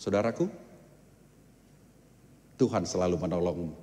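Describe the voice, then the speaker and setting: A male pastor with a Batak Indonesian accent, preaching a sermon as an animated storyteller who asks rhetorical questions. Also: sits low, normal speed, big-room sound. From North Sumatra, Indonesia.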